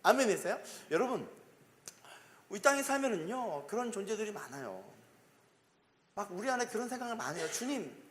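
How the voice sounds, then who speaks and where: Emphatic high-voiced male preacher. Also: sing-song, fairly quick, long pauses, fairly bright tone. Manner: emphatic, call-and-response, repeats phrases. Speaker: pastor. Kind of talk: sermon. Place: church sanctuary. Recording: long reverb of a church hall.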